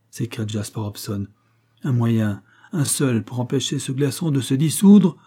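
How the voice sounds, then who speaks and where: A male audiobook narrator reads a classic adventure novel with dramatic flair, raising his voice for the lines that are shouted. His voice is mid-range with a breathy edge.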